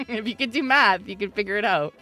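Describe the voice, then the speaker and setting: Speaking at a medium pitch, a streamer host in her thirties chats casually on a live stream. She laughs a lot, teases her audience, and now and then erupts into loud mock protests.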